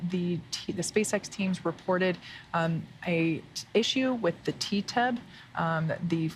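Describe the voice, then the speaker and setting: A woman giving live launch commentary, explaining things plainly in a halting way. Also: fairly low pitch, poor audio. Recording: faint background noise.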